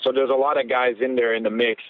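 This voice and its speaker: A man's voice: mid-range voice, level tone, quick pace. A man interpreting between a reporter and a fighter on a conference call phone line, relaying answers in a matter-of-fact way. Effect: heard over a phone conference line. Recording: tinny phone line with faint hiss.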